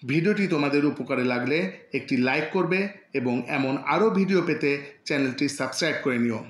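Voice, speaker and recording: A man's voice: medium pitch, fairly quick, roomy sound. A man teaching English letter sounds in a scripted lesson, saying each example word twice. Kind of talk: slow scripted phonics lesson.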